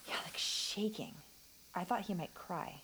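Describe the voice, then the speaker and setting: A woman's voice: on the low side, unhurried, whispered, lightly acted, poor audio. An actress playing a young woman on a camping trip, telling an eerie story in an earnest way. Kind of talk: film drama dialogue.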